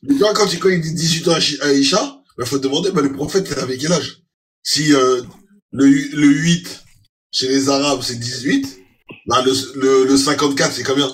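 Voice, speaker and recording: A man's voice: medium pitch, moderate pace, fairly bright tone. Chatty man over a noisy line. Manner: agreeing, repeating short phrases. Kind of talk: casual chat.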